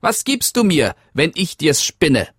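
A man voicing a small mischievous male dwarf who bargains eagerly, with a shrill, squeaky, wheedling voice. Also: very animated, unhurried, fairly bright tone, husky, no room sound, studio quality, exaggerated voice. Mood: friendly wheedling.

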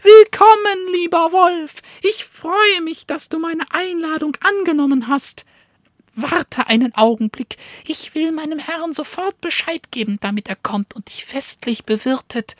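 A tiny, scrawny dog with a crafty streak, yapping his words up in a shrill squeak. His high voice leaps and swoops all over the place. The sound is dry and close. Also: expressive, fairly bright tone, no echo, heavily acted. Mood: triumphant. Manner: yapping, fast and wheedling. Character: small skinny crafty male dog.

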